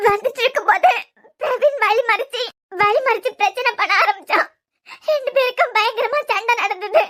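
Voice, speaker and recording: A woman's voice: very high voice, fairly bright tone. A woman voicing a frightened, guilt-ridden young wife in a cartoon serial, speaking with a Kanyakumari Tamil accent.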